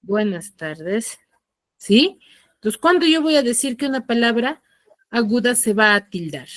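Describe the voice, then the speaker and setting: A woman teaching an online class, asking her students question after question and explaining slowly with emphasis. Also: a little high, expressive, fairly bright tone, no echo.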